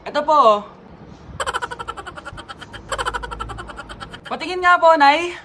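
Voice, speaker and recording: A woman's voice: high voice, expressive, moderate pace, echoey room, noisy background. A woman voicing a cheeky, whiny young son in a comedy skit who tries to dodge his chores. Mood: eager. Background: background music.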